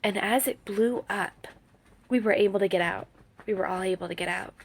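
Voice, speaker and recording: This mid-range female voice, at normal speed, belongs to a vlogger describing a dream she had. She meanders with fillers and false starts, and her talk turns religious as she mentions praying.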